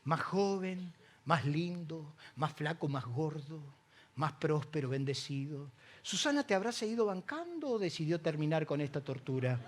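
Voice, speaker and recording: A middle-aged man with an Argentine accent preaching a sermon, joking between loud preaching and quiet asides. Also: on the high side, very animated, normal speed, slight background noise. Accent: Argentine Spanish. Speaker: pastor.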